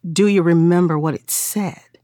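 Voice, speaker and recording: A woman voicing a smooth, confiding middle-aged male television psychic medium, in a dry recording. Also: on the low side, fairly even intonation, moderate pace, dark tone, no room sound, close to an everyday voice. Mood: probing.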